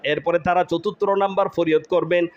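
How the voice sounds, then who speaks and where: A man's voice: sits high, steady tone, brisk. A man preaching a Friday sermon with passion, chanting verses and then explaining them. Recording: dull lo-fi sound.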